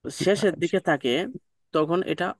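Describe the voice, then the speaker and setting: A man's voice: on the high side, measured pace, no echo, studio quality. A man teaching an online pronunciation class, patient, repeating sounds and checking that students follow. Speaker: English teacher.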